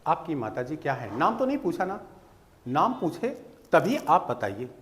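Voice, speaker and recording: A man teaching spoken English, explaining slowly and patiently and checking that students follow. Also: fairly high pitch, big pitch swings, a bit bright, a little hiss or hum. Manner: slow, patient explaining with checks like "theek hai?".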